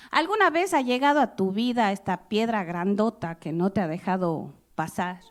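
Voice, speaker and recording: A middle-aged woman delivers a sermon at an unhurried, deliberate pace, her voice sitting on the higher side. She speaks directly and personally to her listeners, asking them questions and acting out the scriptures she reads with sudden bursts of feeling. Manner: expressive, acts out Bible quotes with loud outbursts. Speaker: preacher.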